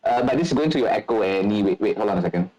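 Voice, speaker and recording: A man's voice: on the low side, animated, very fast, lo-fi sound, a crowd in the background. A man running a tabletop game online as game master, calling out rolls and turns in a matter-of-fact way.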